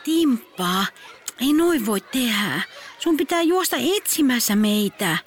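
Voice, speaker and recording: A woman's voice: on the high side, very animated. A woman voicing a chatty, cheerful schoolgirl who eagerly explains playground games. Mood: explaining. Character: cheerful young schoolgirl playmate.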